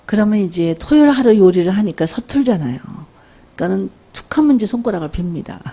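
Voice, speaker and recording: An older woman lectures at a workshop in a mellow, warm voice. She tells stories from home with lively energy and keeps asking her listeners questions. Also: lowish voice. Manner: animated, asks the audience questions. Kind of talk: faith-based lecture with storytelling.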